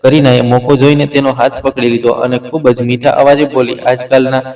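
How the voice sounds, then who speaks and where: A man narrating a dramatic family story in a steady, deliberate reading. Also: mid-range voice. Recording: roomy, distant mic.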